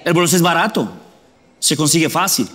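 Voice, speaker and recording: A man's voice: a little high, animated, moderate pace, a bit bright, in a large hall, a little hiss or hum. A male pastor preaching a sermon conversationally, often asking the congregation questions.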